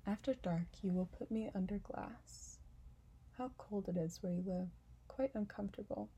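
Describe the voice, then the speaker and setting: A woman's voice: medium pitch, moderate pace, dark tone, husky, poor audio. A woman voicing a vain, delicate female flower who speaks sweetly and fussily in an audiobook. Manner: sweet, affected, fussy. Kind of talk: audiobook reading.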